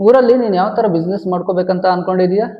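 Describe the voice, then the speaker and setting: A man's voice: high voice, very fast, roomy sound, dull audio. A man playing a visiting uncle who talks in a persuasive, reassuring way, in a village comedy short film.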